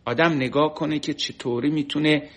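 High bright guy preaching, tells a parable, does the voices of the people in it. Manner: lively storyteller, acts out quoted voices. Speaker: religious teacher. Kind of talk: storytelling sermon. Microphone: online class stream.

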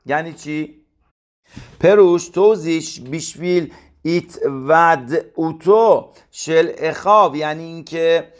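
A middle-aged man with a voice on the high side teaches a religious lesson, reading lines of Hebrew commentary and explaining each in plain, conversational terms.

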